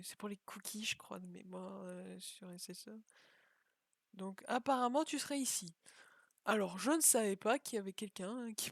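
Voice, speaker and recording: A woman's voice: mid-range voice, no echo. A young woman chatting casually as she plays and comments on a video game, thinking aloud and joking at herself. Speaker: gaming video creator.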